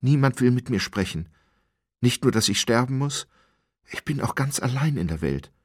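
A man voicing a desperate condemned man who pleads in a high, wailing voice. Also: expressive, moderate pace, slightly rough, no echo, clean studio sound. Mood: despairing.

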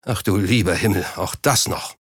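Casting: a panicky, indignant official with a low voice, dry close sound, read by the narrator. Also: male voice, moderate pace, husky, dry recording. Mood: urgent. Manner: anxious and indignant. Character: flustered, panicky government official caught in scandal.

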